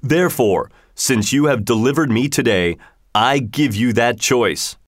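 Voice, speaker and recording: A fierce male genie spirit who speaks slowly and with grim command, as a man reads him. His tone is steady and unyielding. The sound is dry and close. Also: medium pitch, no echo, lightly acted. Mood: stern. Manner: slow, stern, commanding.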